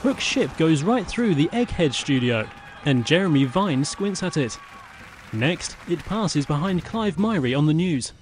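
A man's voice: on the high side, big pitch swings, measured pace, crowd noise, background noise. A man giving scripted, matter-of-fact audio description of action in the present tense.

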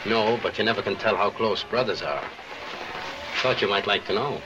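A man's voice: on the low side, normal speed, background noise, close to an everyday voice. A man playing a tough, shrewd nightclub boss, clipped and slangy, in 1930s film style. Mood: smooth, guarded. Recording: muffled old film soundtrack.

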